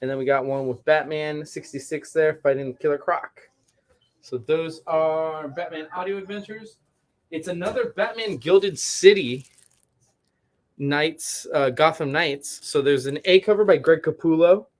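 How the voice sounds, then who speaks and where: A man's voice: a little high, unhurried. A man hosting a shop livestream, informally rambling to viewers as he shows products in a casual chat. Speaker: comic shop livestream host.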